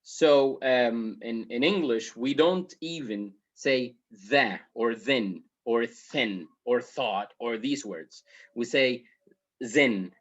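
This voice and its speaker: An Egyptian man runs an English speaking lesson in a patient, explaining voice. His pitch sits in the middle range, and the audio is a bit dull and lo-fi. He keeps checking that his listeners follow him. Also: slow pace. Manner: explains with repeated okay checks. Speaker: English teacher.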